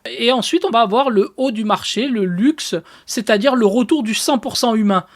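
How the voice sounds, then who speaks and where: A woman speaks to the camera in a casual explainer style, her voice sitting a little high. She leans hard on key words and scatters informal fillers as she talks, addressing viewers directly and informally. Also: moderate pace. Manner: emphatic, animated with fillers like "du coup" and "bah". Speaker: AI content creator.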